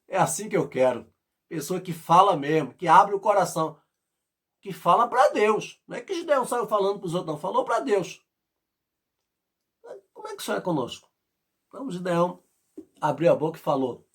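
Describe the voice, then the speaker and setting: A man preaching as pastor, fervent and pleading, with loud bursts and soft passages. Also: high voice, very animated, moderate pace, long pauses, breathy edge. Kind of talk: sermon.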